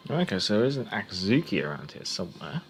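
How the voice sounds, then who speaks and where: A man's voice: on the low side, sing-song, fast talker, a little hiss or hum. A man streaming a game, chatting casually and thinking aloud as he gives live commentary.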